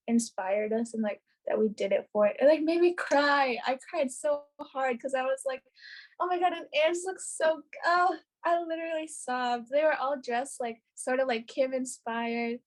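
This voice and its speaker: High-voiced, gushing young woman. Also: normal speed. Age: young adult. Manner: excitable, gushing, peppered with "like" and swearing. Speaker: podcast guest, pageant makeup artist. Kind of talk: casual storytelling.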